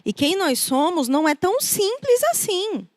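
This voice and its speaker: A woman's voice: very high-pitched, big pitch swings, moderate pace, no room sound, studio quality. A middle-aged woman with a Brazilian Portuguese accent, preaching a conversational sermon and acting out the people she quotes. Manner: conversational, acts out quoted voices. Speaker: preacher and counselor.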